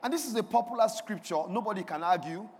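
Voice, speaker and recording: A man's voice: sits high, expressive, fast talker, a little mellow, a little hiss or hum. A man preaching a sermon to a congregation, leading call-and-response and swelling into emphatic declarations. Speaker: pastor. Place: church sanctuary. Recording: long reverb of a large hall.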